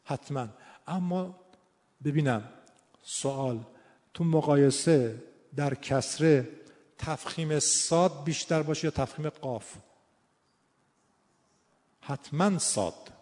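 A male Quran recitation teacher with a slightly high, somewhat mellow voice pauses often as he explains pronunciation. He then demonstrates the sounds, repeating and stretching out syllables, in a hall with long reverb.

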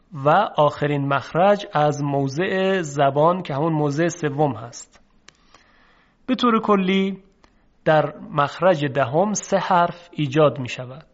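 A man teaching how to pronounce Arabic letters, speaking slowly and deliberately and repeating each sound for the listener to practice. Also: a little high. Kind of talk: recorded pronunciation lesson. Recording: dull lo-fi recording.

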